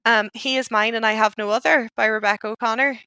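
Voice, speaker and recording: A woman with a Northern Irish accent co-hosting a podcast, talking in a chatty, animated and informal way. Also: on the high side, fast, dry recording, poor audio. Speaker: podcast co-host. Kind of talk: casual podcast chat.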